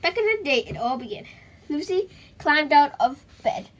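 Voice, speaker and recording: A woman reads a children's book aloud with dramatic, expressive flair, pausing for chatty asides to her young audience. Her voice sits high and her pace is moderate.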